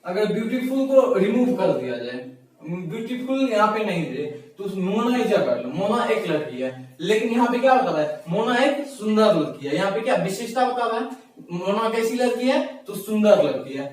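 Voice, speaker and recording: A man's voice: high voice, very animated, normal speed. A man teaching a grammar lesson, explaining patiently, repeating key words and asking himself rhetorical questions. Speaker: English teacher. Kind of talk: classroom-style grammar lesson. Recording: echoey room, mic far from speaker.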